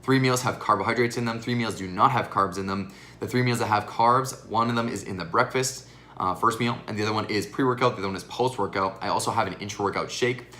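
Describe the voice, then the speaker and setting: A young male fitness coach talks earnestly and straight to his viewers in a casual question-and-answer vlog. His voice sits on the low side yet comes out bright and forceful. It sounds a little worn after hours of teaching classes. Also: quick pace. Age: 20s.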